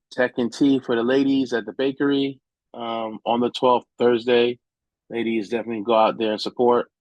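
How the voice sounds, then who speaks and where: A man's voice: lowish voice, dry recording, poor audio. A man, casually running through upcoming events as a tech vlogger, chatty and loose, with many fillers and restarts. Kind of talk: casual vlog event rundown.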